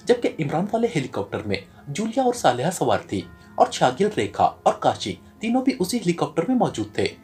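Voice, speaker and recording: A man narrating a spy novel as an audiobook, in an expressive reading voice. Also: fairly high pitch.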